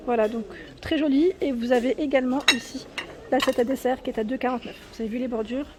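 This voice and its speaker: A woman's voice: high voice, steady tone, fast talker, noisy background. A woman filming a casual shopping vlog inside a large store, chatting to viewers about products and prices on a handheld phone and often tagging "hein" onto her sentences. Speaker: vlogger showing store products.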